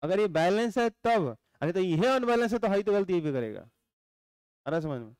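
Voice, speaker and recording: A male teacher, giving a chemistry lecture, explaining slowly and repeating points while quizzing his students. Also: high voice, sing-song, darkish tone, smooth, no echo. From India.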